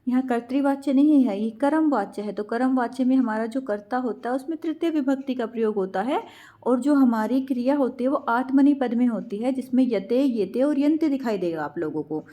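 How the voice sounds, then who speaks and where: A woman's voice: fairly high pitch, brisk, warm tone. A woman teacher explaining exam answers in a patient way, asking questions and then answering them herself. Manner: patient, asks and answers her own questions, calls students "beta".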